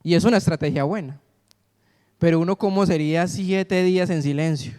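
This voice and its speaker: High, resonant preacher man. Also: brisk, a little mellow, clean tone. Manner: call-and-response, asks congregation to fill in words. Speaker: pastor. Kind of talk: sermon. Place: church sanctuary. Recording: long reverb of a church hall.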